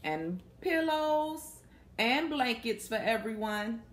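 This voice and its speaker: Her voice is fairly high and animated, and she takes her time as she reads a picture book aloud to young listeners, breaking off to ask them questions. She is a young adult woman in a small, plain indoor room.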